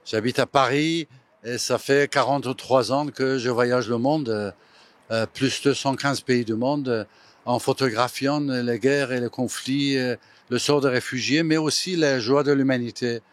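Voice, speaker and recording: An older man from Iran, a photographer giving a slow, hesitant interview statement full of fillers. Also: mid-range voice, fairly even intonation.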